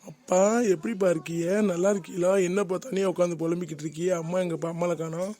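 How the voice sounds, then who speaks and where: A man's voice: sits high, flat delivery, fast, natural voice. A man voicing an affectionate young adult son back home after years away, in a homemade cartoon. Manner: gentle, pleading. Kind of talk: cartoon voice acting.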